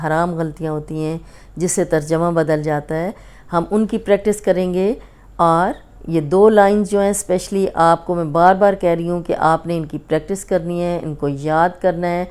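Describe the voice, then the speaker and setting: Mellow-voiced woman teaching recitation. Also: fairly low pitch. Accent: Pakistani Urdu. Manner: drawn-out syllable drills with patient explanation. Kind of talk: slow instructional recitation lesson.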